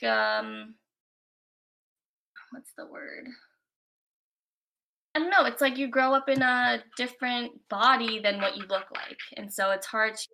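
Her voice is fairly high, gravelly, and sharp, captured in a low-quality recording. A young American woman from Florida, she's a casual interview guest who rambles loosely with plenty of "like" and "you know" fillers.

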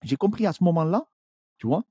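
Male podcast guest, YouTuber; very dark, breathy-edged voice, dry close sound, animated storyteller. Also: fairly high pitch, brisk, no echo. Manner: animated storytelling with many restarts. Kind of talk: casual podcast chat.

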